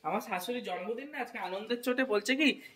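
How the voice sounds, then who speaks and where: A woman's voice: a little high, quick pace, crowd noise. A woman hosting a casual family vlog at a home meal, chatty and teasing as she talks to viewers. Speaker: vlogger host.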